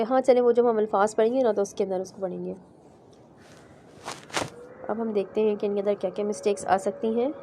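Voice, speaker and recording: A woman teaching Quran recitation in a class, patiently explaining letters step by step and sounding them out slowly. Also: medium pitch, warm tone, slight background noise. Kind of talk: online class explaining pronunciation.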